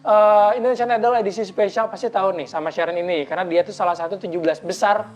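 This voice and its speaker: A woman's voice: medium pitch, steady tone, fast talker, darkish tone, lo-fi sound. A young adult woman hosting a casual TV interview, chatty and upbeat as she turns to the viewers. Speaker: TV show host.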